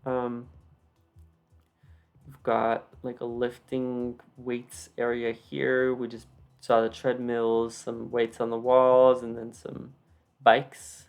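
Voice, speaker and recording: Slow, creaky voice with a slight retainer lisp. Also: medium pitch, monotone, darkish tone, soft background music. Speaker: video creator giving a game build tour. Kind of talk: casual unscripted walkthrough commentary.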